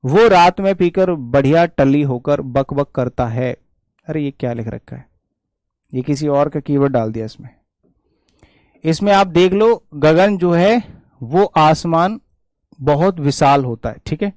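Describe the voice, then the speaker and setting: A man's voice: on the high side, lively intonation, a little slow, darkish tone, dry recording. A man teaching vocabulary for exams, explaining each word with memory tricks and checking in with "theek hai" over and over. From India. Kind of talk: exam-prep vocabulary lesson.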